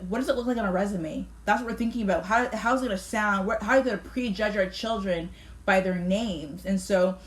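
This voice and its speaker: A Canadian woman, a pastor, talking earnestly in a discussion and asking rhetorical questions. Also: medium pitch. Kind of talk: conversational discussion.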